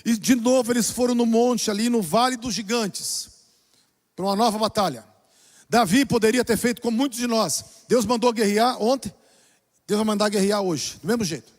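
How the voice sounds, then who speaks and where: A man preaching a sermon as pastor, dramatically shifting between soft, low passages and loud exclamations. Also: moderate pace. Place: church. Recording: long reverb of a church hall.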